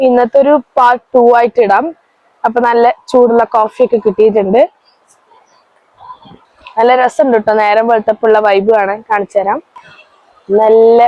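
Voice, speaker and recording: Casting: female casual vlogger, Kerala Malayalam accent, high-pitched, chatty, talking straight to viewers. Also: no echo, lo-fi sound. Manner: chatty, addresses viewers and companions directly. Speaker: vlog host.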